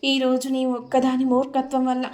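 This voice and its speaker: A woman's voice: high voice, completely flat delivery, brisk, darkish tone, natural voice. Latha, a woman doing a firm reproachful younger sister. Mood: earnest. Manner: earnest, scolding.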